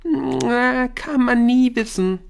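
A man's voice: very high voice, slow pace, vocal fry, pitched above the performer's own voice, heavily acted. Bryn, a man putting on a clingy teenage girl. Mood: conspiratorial.

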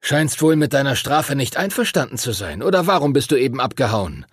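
A man voicing a gruff, impatient male teacher who grumbles curt remarks. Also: mid-range voice, sing-song, fairly quick, a bit bright, no echo, clean studio sound, voice pushed up.

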